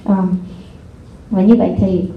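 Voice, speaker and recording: A woman's voice: medium pitch, measured pace, creaky. Woman lecturing in an echoey hall. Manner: lively, addresses the audience with repeated rhetorical questions. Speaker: parenting seminar speaker. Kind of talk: live seminar talk to an audience. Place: lecture hall before an audience. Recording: echoey hall over a phone-like line, faint noise.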